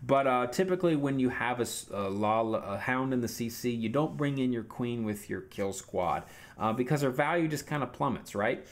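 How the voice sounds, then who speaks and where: A man's voice: medium pitch, animated, normal speed. A man giving casual commentary on a video game recap, coaching viewers directly in a chatty tone.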